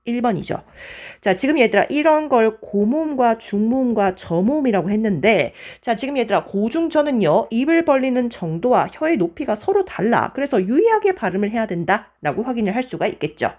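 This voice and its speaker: A woman teaching an exam-prep grammar lecture, moving briskly through answers and checking in with her students again and again. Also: a little high, big pitch swings, darkish tone.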